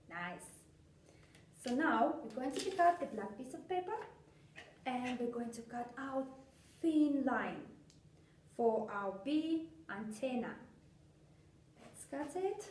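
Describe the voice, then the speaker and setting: A woman with presents a craft for small children like a bright children's entertainer. Her pitch swings widely in a sing-song, encouraging way. She is picked up from a distance in a room with some background noise. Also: echoey room. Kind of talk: step-by-step craft demonstration for young children. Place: indoor craft room, seated at a table.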